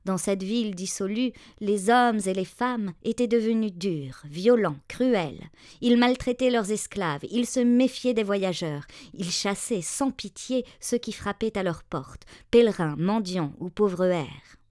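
A woman's voice: medium pitch, no room sound, studio quality. Woman reading a fairy tale aloud. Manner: measured, expressive reading. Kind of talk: storybook narration.

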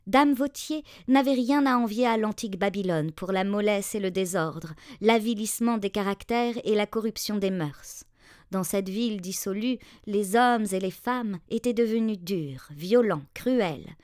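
Woman narrator, storybook reading, measured, dry close sound. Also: medium pitch, a little mellow, no echo.

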